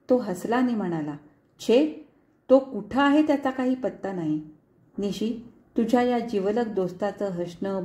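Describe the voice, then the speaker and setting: A woman reads a story aloud with a tender, pleading warmth, as if speaking a letter to someone far away. Her voice is mellow and soft-edged. The recording carries a noticeable room echo. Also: medium pitch. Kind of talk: emotional story reading. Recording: echoey room.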